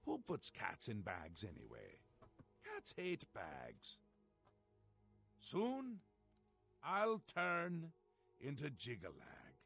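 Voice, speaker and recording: A man's voice: huge pitch swings, drawn-out words, creaky, long pauses, sharp tone, breathy edge, soft background music, full character voice. A man playing a mad, theatrical ruler-god of madness in a fantasy game, flamboyant and mercurial, swinging between glee and menace. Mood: unsettled, brooding. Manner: flamboyant, swinging from gleeful cries to low menace. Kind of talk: fantasy game character acting.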